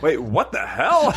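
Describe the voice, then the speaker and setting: A male podcast co-host chatting casually, reacting with quick exclamations and jokes. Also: high voice, fairly bright tone, breathy edge. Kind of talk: casual chat.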